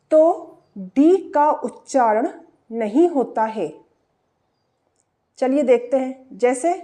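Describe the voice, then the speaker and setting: A woman's voice: high voice, dark tone. A woman teaching English pronunciation, spelling words out letter by letter and asking and answering her own questions. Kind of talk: explaining pronunciation rules.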